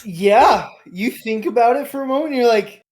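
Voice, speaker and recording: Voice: medium pitch, animated, normal speed, crowd noise. A game master explaining the rules and narrating a tabletop game, hesitant, with many ums.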